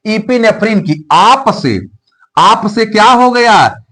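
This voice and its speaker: A man's voice: sits high, very animated, takes it slowly, a bit bright. A man teaching a biology lesson, asking questions and answering them himself and repeating key terms. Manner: teaching memory tricks.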